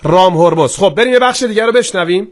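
A man hosting a live broadcast quiz, talking briskly with a pace that swings from slow and careful to quick, with frequent drawn-out fillers. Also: sits high. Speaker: quiz show host.

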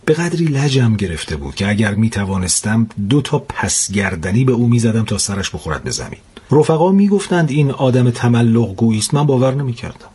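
A male storyteller with a slightly husky voice narrates a first-person tale. His delivery is animated, with pitch that moves widely, and he adds moralizing asides to his listeners. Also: hardly any pauses.

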